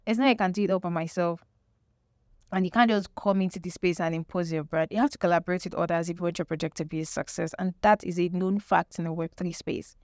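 A woman's voice: on the low side, fairly even intonation, quick pace, darkish tone, dry recording, clean studio sound. A woman presenting an explanatory lesson with tips, emphatic, repeating key phrases and posing rhetorical questions. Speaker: presenter teaching marketing tips.

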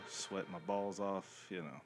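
A man's voice: low voice, steady tone, measured pace, loud music behind the voice. A man co-hosting a casual podcast chat, laid-back, often repeating his own phrases. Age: adult with a family. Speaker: podcast co-host.

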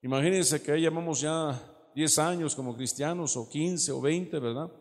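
A man preaching a Bible teaching sermon, explaining patiently, often checking with "¿verdad?" and slowing down to read verses. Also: on the high side, long reverb tail. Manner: explanatory, frequent "¿verdad?" tag questions, slows to read verses.

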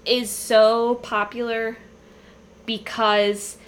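A woman's voice: a little high, little pitch movement, drawn-out words, clean tone. A woman in casual chat, reading a list aloud and jumping into playful voices when she quotes lines.

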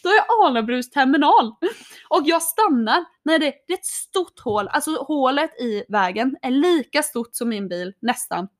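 A young woman chatting casually, telling an animated story, laughing often and acting out what people said. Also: high-pitched.

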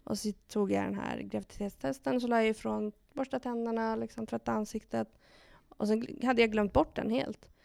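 A woman guest on a podcast, telling a personal story in lively detail with quoted dialogue and frequent hesitation fillers. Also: fairly high pitch, vocal fry, hardly any pauses, dry recording. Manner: animated retelling with quoted dialogue and many fillers.

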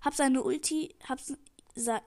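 A teenage girl giving excitable live commentary on her own match, pleading and calling out every move into a headset mic. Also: high voice, unhurried. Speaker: gamer streaming her match.

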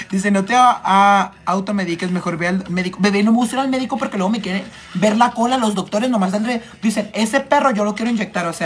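A man with a Mexican accent chatting casually on a makeup livestream, clearing his throat as a cold starts, affectionate and full of slang with his viewers. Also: high voice. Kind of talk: casual live-stream chat reading comments.

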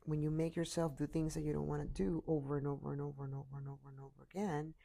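A woman's voice: sits low, little pitch movement, fast talker, gravelly, warm tone. A tired woman giving an earnest, repetitive motivational talk into her computer mic.

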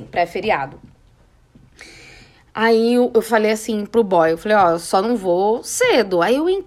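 Animated Brazilian woman telling a story. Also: medium pitch. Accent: Brazilian, São Paulo area. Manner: animated, acts out quoted dialogue. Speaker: podcast host. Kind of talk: casual storytelling podcast.

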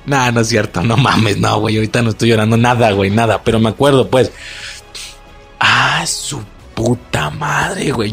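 A young man with a Mexican accent, excitedly retelling a story in slangy, profane casual talk and acting out his own shocked reactions. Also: medium pitch, gravelly. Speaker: vlogger.

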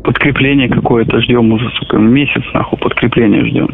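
A soldier on an intercepted radio phone call, talking coarsely and swearing constantly. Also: male voice, medium pitch, steady tone, fairly quick, vocal fry. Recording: tinny intercepted phone line, faint music.

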